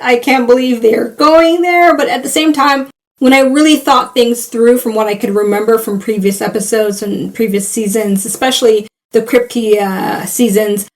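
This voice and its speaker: A young woman hosting a reaction video, chatting casually with animated exclamations and laughter. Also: on the high side.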